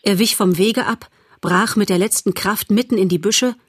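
A woman narrating a storybook audiobook in a measured, expressive storytelling voice. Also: medium pitch, slightly rough, dry recording.

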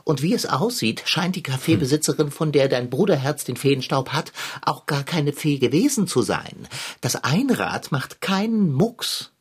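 Prim bossy house cat, husky voice, swings all over, kids radio play. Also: female voice, deep voice, moderate pace, full character voice. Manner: prim, sniffy, lively. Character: fussy, pompous house cat named Long John.

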